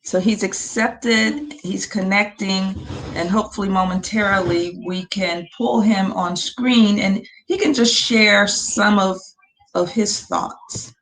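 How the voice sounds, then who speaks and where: A woman's voice: mid-range voice, steady tone, takes it slowly, a bit bright, rough recording. A woman on a video call hosting an informal webinar, speaking in a patient, encouraging and somewhat hesitant way. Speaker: host of an online webinar. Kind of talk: informal live webinar hosting, talking a guest through screen sharing.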